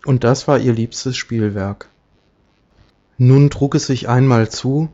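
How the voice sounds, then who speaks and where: A man reading a fairy tale aloud in a measured, expressive way, in a dull lo-fi recording. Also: medium pitch. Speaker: storyteller.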